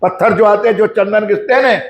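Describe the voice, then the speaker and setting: A man giving a devotional sermon, putting questions to his listeners and chanting mantras slowly. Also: high-pitched. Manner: addresses the audience directly with questions. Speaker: preacher. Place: ashram hall. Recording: echoey hall.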